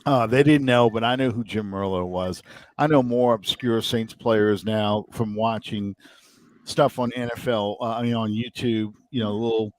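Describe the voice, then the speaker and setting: A man's voice: on the low side, steady tone, moderate pace, dry recording. A man from the New Orleans area hosting a casual sports podcast, rambling and thinking aloud with many ums. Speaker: podcast host.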